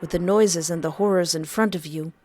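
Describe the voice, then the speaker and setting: Low-pitched woman narrating a horror story. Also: brisk, a little mellow. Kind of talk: scripted second-person horror story narration.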